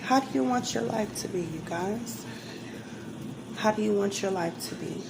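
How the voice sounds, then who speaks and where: Lower-pitched woman giving earnest motivational talk, noisy recording. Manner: earnest, emphatic, repeats phrases for emphasis. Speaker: home cook and hairstylist giving motivational advice. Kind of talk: casual motivational talk to viewers. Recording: clearly noisy room ambience.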